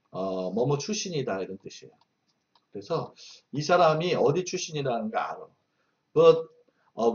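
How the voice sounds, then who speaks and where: A man's voice: fairly high pitch, a little mellow, muffled recording. A man teaching English Bible verses in a patient, explanatory way, reading each line and then explaining it, a native Korean speaker. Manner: patient, repeats glosses, fillers like "어" and "자".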